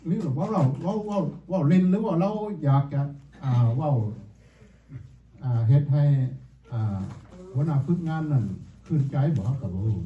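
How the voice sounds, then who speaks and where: A man preaching a sermon to his congregation, halting and full of pauses and fillers. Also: medium pitch. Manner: halting, many pauses and fillers, addresses the congregation as brothers and sisters. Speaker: pastor. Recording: echoey tinny phone-like sound from far off.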